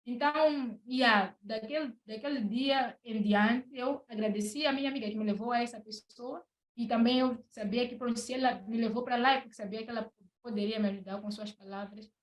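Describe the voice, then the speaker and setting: A woman's voice: fairly high pitch, fairly quick. A young woman with a Mozambican Portuguese accent tells a personal testimony as a podcast guest, hesitating and repeating words. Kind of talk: personal testimony in casual talk. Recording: echoey room.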